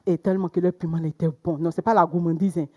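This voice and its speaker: A young woman performing a stand-up comedy routine, telling stories with sudden loud exclamations. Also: fairly low pitch, steady tone, fast talker. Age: young adult.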